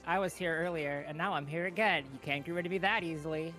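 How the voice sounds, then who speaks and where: Talking close into his own microphone, a man with a voice on the high side co-comments a livestreamed speedrun event. He's chatty and playful with quick restarts, and music plays in the background.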